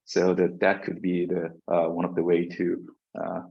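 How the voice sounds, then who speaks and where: A man whose first language is Korean gives a university classroom lecture full of fillers and restarts. His low, creaky voice is monotone and measured, captured on a dull lo-fi lecture recording.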